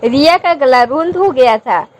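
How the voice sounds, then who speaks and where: A woman narrating a romantic story in an even, steady reading voice. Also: high voice, unhurried.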